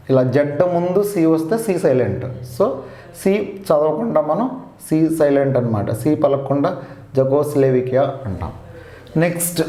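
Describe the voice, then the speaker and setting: A man's voice: on the high side, warm tone. A man with a Telugu accent teaching an English grammar lesson, patiently repeating each rule and spelling words out letter by letter. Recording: roomy echo.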